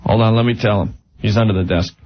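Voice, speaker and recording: A man's voice: fairly low pitch, steady tone, quick pace, background noise. A man co-hosting a radio show, chatting breezily and deadpanning through a prank phone call. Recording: dull radio aircheck.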